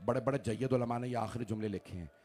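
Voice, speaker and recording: A man delivering a mourning sermon at a Shia majlis, swinging from hushed, grieving recitation to wailing, shouted lament. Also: medium pitch, fast, slight background noise.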